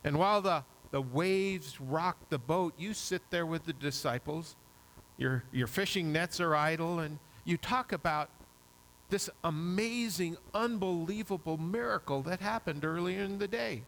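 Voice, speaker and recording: A man's voice: on the high side, unhurried, a bit bright, low-quality recording. A man preaching a sermon, retelling a Bible story vividly in the second person.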